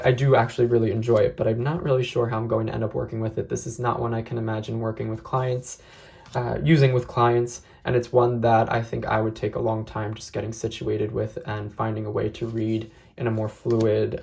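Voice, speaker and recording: A person giving a casual, unscripted review in a measured, reflective way, often hedging opinions. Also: medium pitch, little pitch movement, vocal fry, darkish tone. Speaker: tarot deck reviewer.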